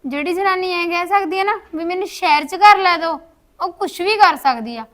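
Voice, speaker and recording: A woman's voice: very high voice, fairly quick, bright, forceful tone. A woman acting a spiteful sister-in-law who taunts and orders around her widowed relative in a short village drama. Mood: scolding. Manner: scolding, taunting, commanding. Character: cruel scheming sister-in-law, bossy and spiteful.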